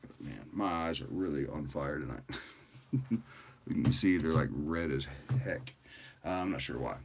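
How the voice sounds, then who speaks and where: A man with a very deep voice hosts a casual livestream and chats with viewers. He sounds tired and rambles in a loose, easygoing way, with plenty of fillers. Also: a little slow, creaky, slight background noise. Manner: rambling and relaxed, with frequent fillers and laughs. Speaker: livestream host.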